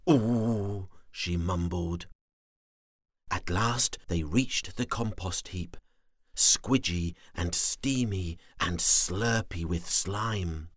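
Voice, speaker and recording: A man's voice: on the low side, fairly bright tone, no echo, clean studio sound. A man reading a children's picture book aloud in a rhythmic, playful sing-song. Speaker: storyteller.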